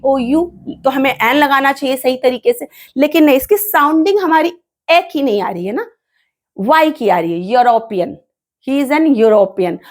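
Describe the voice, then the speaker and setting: A woman teaching grammar in a classroom style. She drills each word slowly and answers her own questions. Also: high-pitched. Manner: repeats words slowly to drill pronunciation; asks questions and answers them herself. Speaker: English teacher.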